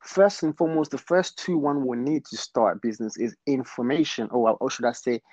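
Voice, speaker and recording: A Congolese-born London man talking in a casual interview as a guest, hesitant and filling pauses with ums. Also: medium pitch, a little mellow, no echo, low-quality recording. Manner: hesitant, many ums, laughs easily. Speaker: guest, fashion brand founder.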